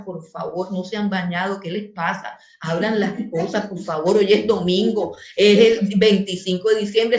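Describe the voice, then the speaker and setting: A woman pastor teaching the Bible in a lively manner with teasing asides. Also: mid-range voice. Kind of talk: Bible teaching over video call. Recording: distant, echoey, muffled sound.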